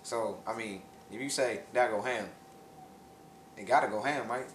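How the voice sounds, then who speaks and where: A man's voice: mid-range voice, moderate pace, roomy sound, a little hiss or hum. A man joking around in a rambling comic skit, brash and profane, repeating catchphrases. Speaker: comic co-host.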